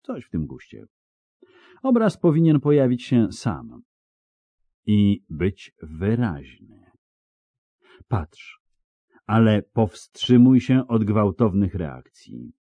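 A man voicing a calm, measured elf sage from an audiobook. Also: on the low side, dry recording, dull audio, full character voice. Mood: calm guiding.

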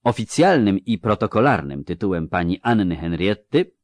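A man's voice: low-pitched, big pitch swings, normal speed, dry recording, studio quality. A man voicing a portly, pompous court chamberlain who speaks formally and pedantically about etiquette. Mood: pedantic.

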